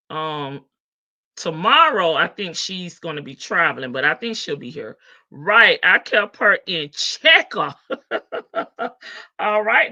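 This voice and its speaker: A woman hosts a livestream, gossiping playfully about a court case, laughing often and greeting viewers by name. Her mid-range voice is bright and forceful, though the audio is dull.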